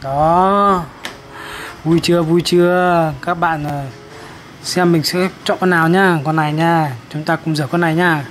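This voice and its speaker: A high-pitched man presents toys to very young children. He talks as if to a toddler, in short, repeated, encouraging phrases and simple questions. There is clear noise behind his voice. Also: steady tone, a little slow, a bit bright. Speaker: presenter of a children's toy video. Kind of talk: toy-washing narration for young children.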